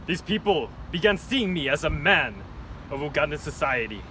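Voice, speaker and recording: Man playing a grandiose, ruthless dictator, swinging pitch. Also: lively intonation, moderate pace, sharp tone, distant mic, slight background noise. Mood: self-satisfied. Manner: declamatory, grandiose. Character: boastful, ruthless male military dictator making proclamations. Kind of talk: dramatised historical speeches.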